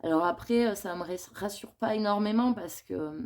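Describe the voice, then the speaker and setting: A woman's voice: mid-range voice, moderate pace, crowd noise. A woman chatting casually in a coloring vlog, thinking aloud in a rambling, confiding way and admitting her worries. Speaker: coloring vlogger.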